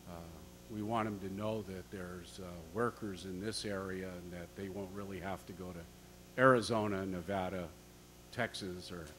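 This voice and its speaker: Deep-voiced man at public comment, noisy hum. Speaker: trades council representative at public comment. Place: public board meeting room. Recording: noisy meeting room with hum.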